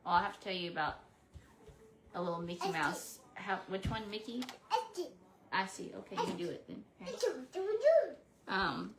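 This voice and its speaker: A woman's voice: lowish voice, moderate pace, pauses often, very noisy. A woman in her forties chatting casually to camera while painting a craft, rambling and talking to herself as she works. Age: 40s. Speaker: craft vlogger.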